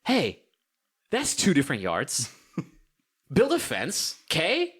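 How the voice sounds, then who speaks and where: This young man co-hosts a podcast, swapping a story in casual chat, swearing freely and acting out the voices of the other people involved. He's animated, and his slightly rough, somewhat high voice moves at an unhurried pace.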